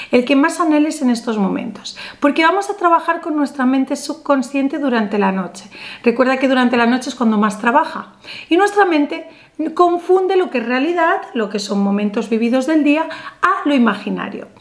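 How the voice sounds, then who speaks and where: A high-voiced woman, a spiritual ritual vlogger, teaches simple rituals to the camera in a small indoor room with a painted backdrop. She's animated and emphatic, gesturing a lot and slowing down for emphatic affirmations.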